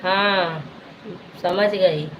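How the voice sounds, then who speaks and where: A woman's voice: fairly low pitch, fairly even intonation, very slow, muffled recording, a little hiss or hum. A woman, a folk singer chatting casually with viewers on a live stream, calling them sister and reading their comments aloud.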